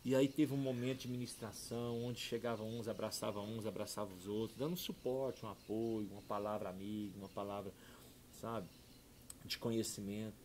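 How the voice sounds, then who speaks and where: A middle-aged man, a pastor telling a heartfelt personal testimony, dropping soft and low then rising loud and excited. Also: normal speed, slight background noise. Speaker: pastor and podcast guest.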